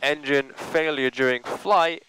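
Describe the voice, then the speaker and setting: A man working as a flight instructor, calmly and methodically talking a student through procedures in a small plane cockpit. He speaks over a pilot's headset intercom and checks in often with "okay?". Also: on the high side, slow, a little hiss or hum, rough recording.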